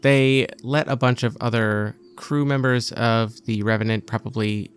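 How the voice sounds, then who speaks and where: A man narrating his solo tabletop game in a relaxed way, thinking aloud as he goes. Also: mid-range voice, a little slow, smooth.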